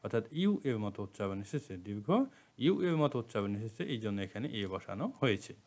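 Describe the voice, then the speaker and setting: A man's voice: on the low side, lively intonation, quick pace, a little mellow. Man teaching a grammar lesson step by step. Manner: explains step by step, repeats phrases, asks rhetorical questions.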